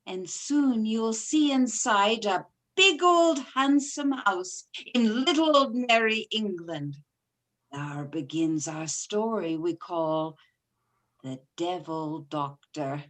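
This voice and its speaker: A woman's voice: medium pitch, animated. A woman playing a gleefully macabre 116-year-old witch, cackling and theatrical, telling horror tales in an old-time radio show. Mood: gleefully eerie. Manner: theatrical, drawn-out storytelling.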